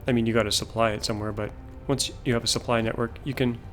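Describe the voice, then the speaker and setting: A gameplay video host offers casual let's-play commentary while building a factory, musing aloud about his production lines and mentioning that he's losing his voice. His medium-pitched voice is flat, quick, and a bit bright. Soft music plays in the background.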